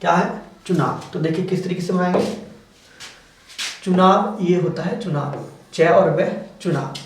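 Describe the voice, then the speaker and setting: High-voiced male teacher in echoey room. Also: a little slow. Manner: repetitive, patient, says "dekhiye" often. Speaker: shorthand teacher. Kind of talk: explaining lesson. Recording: very echoey room, distant mic, faint hiss.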